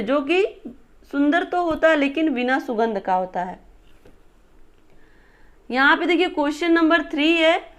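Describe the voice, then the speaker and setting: Woman teacher going over exam answers, pretty high voice, keeps rephrasing and repeating stuff so it sticks. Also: a bit bright. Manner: explains step by step, repeats and rephrases points. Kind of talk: recorded exam-prep lesson.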